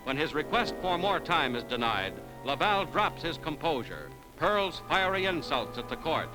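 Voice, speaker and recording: A male narrator in classic old newsreel style, pitched fairly high and swinging animatedly through formal, emphatic phrases. Music runs clearly behind his scripted delivery on a vintage soundtrack. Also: big pitch swings, moderate pace, rough recording.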